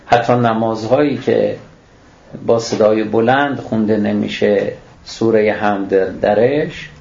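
A man's voice: fairly low pitch, steady tone, vocal fry, darkish tone. A man giving a religious lecture on scripture, reciting Arabic phrases and then explaining them, posing rhetorical questions and answering them himself. The recording is echoey and dull.

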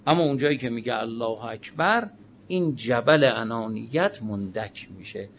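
A man's voice: lively intonation, muffled recording, a little hiss or hum. Man giving a religious lecture, dynamic. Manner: swings from emphatic raised phrases to quiet low asides, drawn-out sacred phrases. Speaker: Islamic cleric.

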